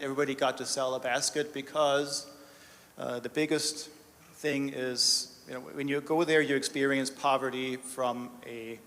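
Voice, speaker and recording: A man speaks with a medium pitch and a fairly bright tone. As a director of development, he delivers an earnest, story-driven testimony with slides in a reverberant hall, growing emotional at times.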